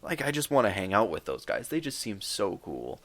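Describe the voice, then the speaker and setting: Big swings in pitch mark this man's lowish, fairly bright voice, and he keeps a moderate pace. He's a gaming creator in his twenties answering audience questions in a rambling, jokey vlog packed with fillers.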